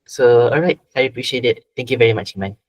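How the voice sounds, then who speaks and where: A man's voice: mid-range voice, quick pace. A man with a Malaysian accent moderating an informal event, introducing and thanking speakers.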